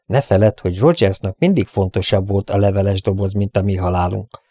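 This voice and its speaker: A male narrator plays a determined young frontier rider in an audiobook, gravelly and urgent, a touch above the reader's low voice. The sound is dry and close, with no room around it. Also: warm tone, no echo. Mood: resolute. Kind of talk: audiobook character voice.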